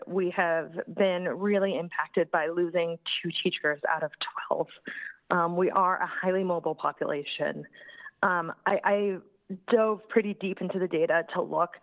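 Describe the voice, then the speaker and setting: A woman calls in by phone to give public testimony. The line is thin and dry, squeezing her slightly low voice into a narrow band. She speaks earnestly, stopping and restarting with ums. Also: no room sound. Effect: speaking over a phone line. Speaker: parent giving public comment.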